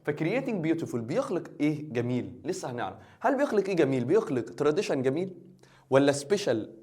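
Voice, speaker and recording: A man's voice: on the high side, sing-song, darkish tone. A man teaching English in Egyptian Arabic, joking as he translates and quizzes the student. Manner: quick, joking, asks the student questions. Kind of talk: playful exam-review lesson.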